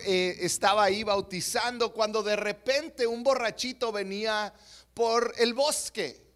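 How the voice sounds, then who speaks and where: A man with a Mexican Spanish accent preaching a sermon in an earnest way, swinging from soft to emphatic. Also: very high-pitched. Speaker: pastor.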